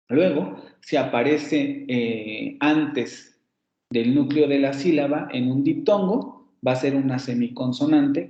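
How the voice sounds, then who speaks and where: A man's voice: mid-range voice, dark tone, reverberant, lo-fi sound. A man giving an online phonetics lecture. He explains step by step, repeats example words and corrects himself as he goes. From Mexico. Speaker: university phonetics teacher.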